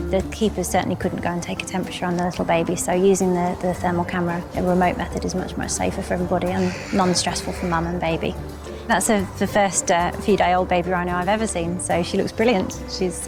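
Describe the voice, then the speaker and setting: A woman's voice: on the low side, vocal fry. A woman working in animal care, explaining her work in an unscripted interview. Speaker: zoo animal care expert.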